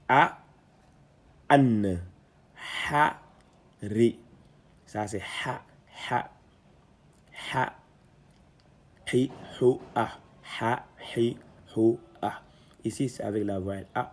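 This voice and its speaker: A man teaching a reading lesson, spelling out syllables one at a time and explaining each rule slowly with fillers and restarts. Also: fairly low pitch, darkish tone, a little hiss or hum.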